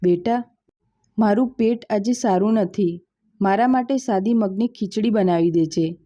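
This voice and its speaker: A calm, caring older father from a storybook, as a woman narrator voices him. He speaks gently, in a mellow, dark tone with a slightly dull sound. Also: mid-range voice, a little slow, lightly acted.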